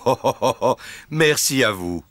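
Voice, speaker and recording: A man's voice: medium pitch, lively intonation, measured pace, crowd noise, natural voice. A man voicing a jolly, good-natured daddy pig in a children's cartoon, with a hearty, jovial manner.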